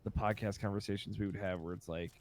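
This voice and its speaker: A man's voice: on the low side, fairly even intonation, fast, a little mellow, slight background noise. A young man chatting casually as a game streamer in an easygoing, slangy way. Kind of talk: casual chat while gaming.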